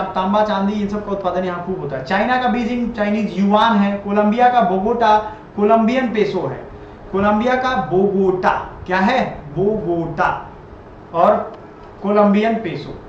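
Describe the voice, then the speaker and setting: A man's voice: sits high, slight background noise. A man teaching an exam-prep general knowledge lesson, who repeats each answer and quizzes the viewer. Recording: very echoey, dull lo-fi room audio.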